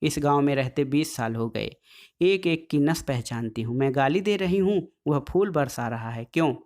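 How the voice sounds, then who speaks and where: A man's voice: on the high side, animated, moderate pace, a little mellow, natural voice. Dhaniya, a fiery, defiant village wife, voiced by a man reading a storybook aloud. She scolds and hurls her words in a heated rush, never backing down. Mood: angry defiance. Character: angry village woman, sharp-tongued and defiant.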